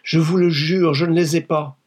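A man reading a novel aloud and voicing a frightened, desperate wealthy young wife who pleads in high, strained cries. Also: moderate pace, darkish tone, breathy edge, natural voice. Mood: panicked. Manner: pleading, breathless, rising to cries. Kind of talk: audiobook reading.

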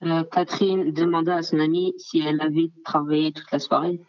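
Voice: mid-range voice, little pitch movement, fairly quick, darkish tone, highs cut off. A student giving exercise answers carefully during an online class, heard over a video call.

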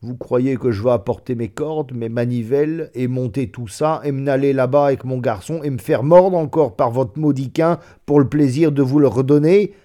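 A man's voice: medium pitch, lively intonation, a little slow, darkish tone. A man doing a blunt, grumbling well-digger. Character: gruff rural well-digger, blunt and mercenary.

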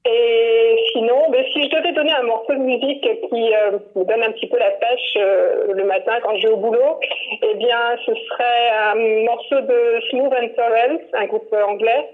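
A woman's voice: a little high, steady tone, normal speed. A woman in her fifties calling in by phone, chatting casually and hesitantly with many fillers and restarts. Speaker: phone-in guest, teacher. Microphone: telephone. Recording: tinny phone line.

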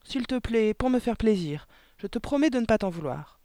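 A man doing soft-hearted young teacher lady for an audiobook, high and eager, very dry sound. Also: lively intonation, moderate pace, no room sound. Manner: warm, encouraging, easily delighted. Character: kind gentle young woman schoolteacher. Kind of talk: audiobook character voice.

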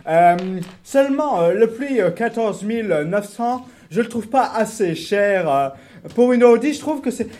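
A man's voice: high-pitched, lively intonation, a little slow, darkish tone. A man leaving a prank voicemail, mock-polite and hesitant with many fillers. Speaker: prank caller. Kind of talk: prank phone message.

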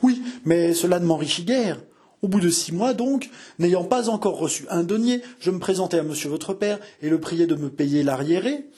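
A man's voice: high-pitched, moderate pace, dark tone, pitched above the performer's own voice, lightly acted. A man voicing a fussy, easily flustered middle-aged innkeeper who stammers and protests indignantly.

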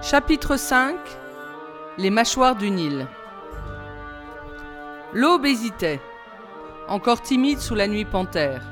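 A woman reading a children's novel aloud in a measured, expressive way. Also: medium pitch. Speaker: reader.

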